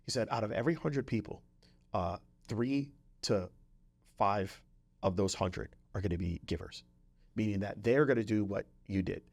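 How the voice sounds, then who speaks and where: Fairly low-pitched and gravelly, this man's voice moves at a moderate pace as he hosts a podcast. He keeps it conversational and motivational, hammering home phrases through repetition and frequently checking in with whoever's listening.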